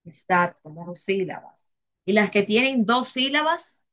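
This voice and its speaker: A woman teacher with a Dominican accent giving a grammar lesson in a classroom, talking slowly, repeating herself and putting questions to her students. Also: mid-range voice, expressive, fairly bright tone. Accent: Dominican Spanish.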